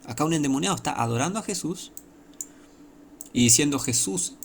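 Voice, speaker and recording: A man's voice: fairly high pitch, animated, brisk, vocal fry, slight background noise. A man with an Argentine accent preaching an informal sermon, emphatic and repetitive, with many rhetorical questions. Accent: Argentine Spanish.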